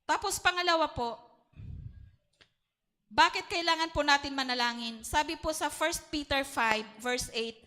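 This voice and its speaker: A woman's voice: high-pitched, unhurried, pauses often, sharp tone. A woman with a Filipino accent giving an earnest prayer and testimony at a church prayer meeting, mixing Tagalog and English.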